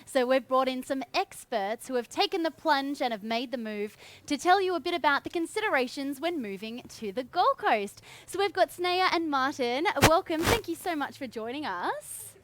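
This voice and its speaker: High-voiced upbeat woman host. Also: expressive, normal speed, fairly bright tone, no echo. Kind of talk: live broadcast presenting.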